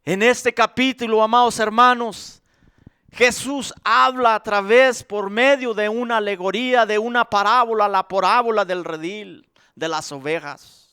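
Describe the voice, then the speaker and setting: A male pastor preaching a sermon in a slow, emphatic way, repeating his phrases for weight. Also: high-pitched, steady tone, pushed and bright, clean tone, dry recording, clean studio sound.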